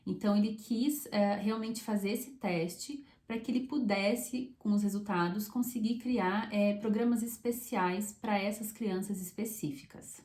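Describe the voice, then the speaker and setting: A woman's voice: mid-range voice, steady tone, a little mellow. Woman psychologist explaining, echoey room. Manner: conversational, tag questions, measured pauses. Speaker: psychologist explaining a concept on her channel. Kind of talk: explanatory talk to camera.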